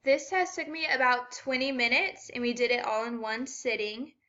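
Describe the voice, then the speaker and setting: A woman's voice: a little high, fairly even intonation, normal speed, sharp tone, highs cut off. A woman walking through a children's reading assessment step by step, with frequent ums. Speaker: student teacher explaining an assessment.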